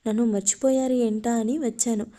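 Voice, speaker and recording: A woman voicing a scheming young woman who turns up uninvited, reading her lines in a flat, even way. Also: on the high side, brisk, natural voice. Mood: innocent.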